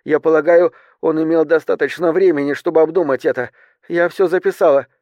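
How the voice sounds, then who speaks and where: A man voicing a young female flight attendant who reports in a hushed, tense way. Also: on the high side, fairly even intonation, fairly quick, dry recording, lo-fi sound, pitched above the performer's own voice, close to an everyday voice.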